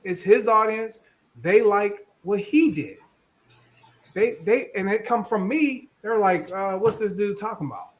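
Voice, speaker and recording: Animated man chatting on a call. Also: high-pitched, slight background noise. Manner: animated, laughs often, repeats himself. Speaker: podcast co-host. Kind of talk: casual group chat on a video call.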